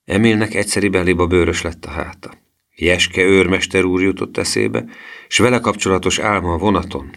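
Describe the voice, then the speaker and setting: A man reading a children's story aloud with a very deep, low voice. His pitch moves expressively up and down as he tells the story. The delivery is lively and animated throughout. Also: creaky. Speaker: audiobook narrator.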